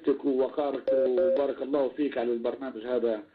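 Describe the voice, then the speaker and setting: A man from Libya with a Libyan Arabic accent, calling into a radio show by phone, effusive and halting. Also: mid-range voice, level tone, soft background music. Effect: phone call into a radio show. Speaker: caller. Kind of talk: call-in praise. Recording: tinny phone line.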